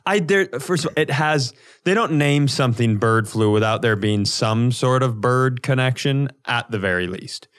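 Animated and fairly bright, this medium-pitched male voice keeps a normal speed with hardly any pauses. As a podcast co-host in loose comedic banter, he swears profanely and crudely, playing up fake indignation.

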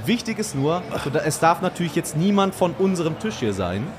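Man announcing game rules over loud noise. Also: high voice, big pitch swings, brisk. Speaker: podcast co-host running the games. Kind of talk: hosting a live podcast game. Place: podcast booth inside a beer tent.

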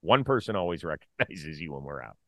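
A middle-aged man co-hosting a casual sports talk show, animated and opinionated, full of quick asides. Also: very deep voice, no echo. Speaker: podcast co-host.

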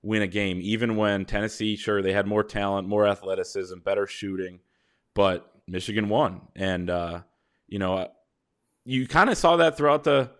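Male podcast host, lowish voice, relaxed analyst talking through the games at length. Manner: measured, builds long points with fillers. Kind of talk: casual sports analysis chat.

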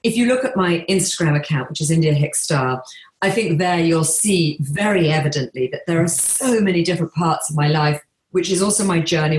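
A middle-aged woman from England, speaking in a measured, reflective way with frequent pauses and restarts as an interview guest. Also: deep voice, reverberant, low-quality recording. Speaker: interior designer and author being interviewed.

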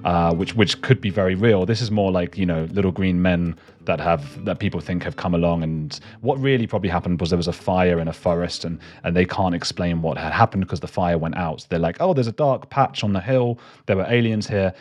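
A man's voice: deep voice, a little fast, hardly any pauses, darkish tone, faint music behind. A man, a documentary maker, telling rambling, self-deprecating stories in a casual chat as a guest.

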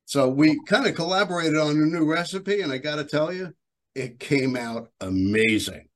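A man talking as a guest in a casual chat, relaxed and keen when sharing wild game recipes. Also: a little high, normal speed. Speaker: guest, app developer. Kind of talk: casual conversation.

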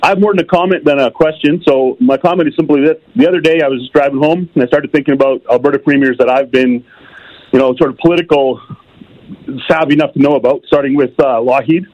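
A man's voice: mid-range voice, fairly even intonation, quick pace. A man calling in over the phone, giving loose, opinionated talk with fillers. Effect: heard over the phone. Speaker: caller. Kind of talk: casual call-in chat. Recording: muffled phone line.

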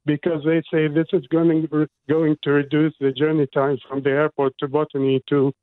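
A man's voice: a little high, flat delivery, moderate pace, dry recording. A man from Iraq, a guest on a radio interview, speaking earnestly and indignantly about his home. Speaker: guest, resident. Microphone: phone. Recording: dry tinny phone line.

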